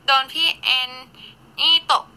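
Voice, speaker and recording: Bright chatty young Thai woman. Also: takes it slowly, low-quality recording. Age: 20s. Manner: chatty, eats and reads viewer gifts while talking. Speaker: live streamer. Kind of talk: casual live stream chat.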